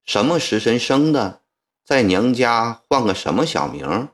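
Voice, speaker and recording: A male storyteller voicing a stern elderly Qing viceroy who questions people in a measured, low, gentle way. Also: big pitch swings. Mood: grave, coaxing.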